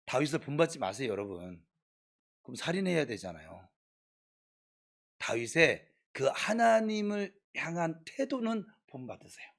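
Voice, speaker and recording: Lively, high-voiced preacher man scolding his flock. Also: moderate pace, creaky. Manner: exhorting, swings from soft to scolding shouts. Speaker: pastor. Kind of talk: sermon. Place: church.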